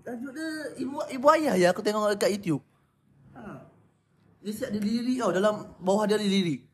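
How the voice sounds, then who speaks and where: A man's voice: high-pitched, lively intonation, fairly quick, fairly bright tone, slightly rough. A young man chatting casually as a podcast co-host, laughing often and singing bits of songs. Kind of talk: casual chat.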